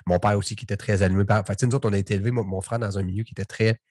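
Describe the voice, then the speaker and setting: Low-voiced Québécois podcast host. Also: male voice, fairly even intonation, very fast, darkish tone, slightly rough, no room sound, studio quality. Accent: Québécois French. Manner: rambling, conversational, many restarts. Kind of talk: casual podcast interview.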